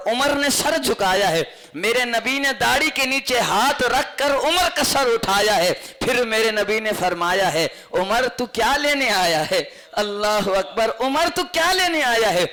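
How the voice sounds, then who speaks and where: Male preacher, Pakistani Urdu accent, high-pitched and emotive storytelling delivery. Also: fairly bright tone. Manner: emotive, repeats lines for emphasis. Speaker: religious speaker. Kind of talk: devotional storytelling sermon.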